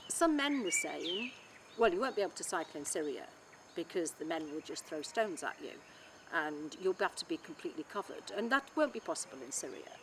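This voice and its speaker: An Englishwoman recounting in a documentary interview how she organised an event, acting out other people's words with lively energy. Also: lowish voice, a little fast, noisy background. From England. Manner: animated, acts out quoted speech.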